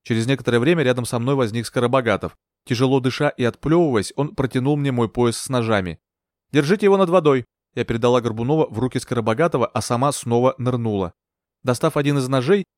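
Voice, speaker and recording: Male audiobook narrator, measured first-person reading, mid pitch. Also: darkish tone, no room sound, studio quality. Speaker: audiobook reader.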